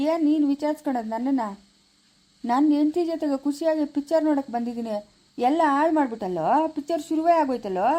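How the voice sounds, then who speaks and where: A boastful, needling male caller, as a woman acts him out, talking in a Chikkaballapura Kannada accent. The voice sits high and mellow, rattling through repeated taunts at a fast clip. It belongs in a rustic family comedy skit. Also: natural voice. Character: rude pushy male prank caller, adult.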